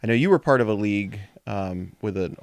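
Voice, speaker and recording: A man's voice: lowish voice, expressive, brisk, no echo. A young man hosting a podcast interview, asking loose, friendly questions with fillers. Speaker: podcast host. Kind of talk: casual interview.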